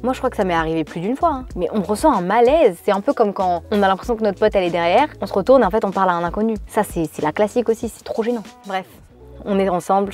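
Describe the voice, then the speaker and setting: Fast-talking chatty French woman vlogger. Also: medium pitch. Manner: chatty, animated reactions. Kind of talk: casual chat reading viewer stories.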